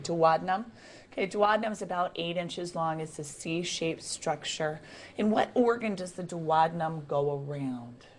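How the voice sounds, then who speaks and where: A woman giving a classroom lecture in a chatty, relaxed way, asking the students questions as she goes. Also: sits low.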